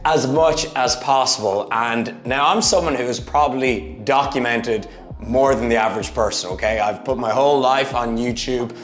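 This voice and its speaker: Speaking at normal speed, an energetic man in his thirties gives a motivational monologue for his fitness YouTube channel. He's emphatic, alternating between loud outbursts and quieter asides, and the room echoes with faint music playing.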